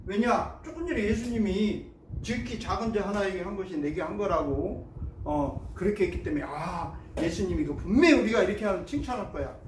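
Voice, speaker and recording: A male pastor with a high voice preaches a sermon. He tells the story in a lively way and acts out the voices of the people in it. The sound is roomy and echoey, picked up from a distance in a church sanctuary. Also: a little fast, a little hiss or hum. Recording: echoey hall, mic from afar.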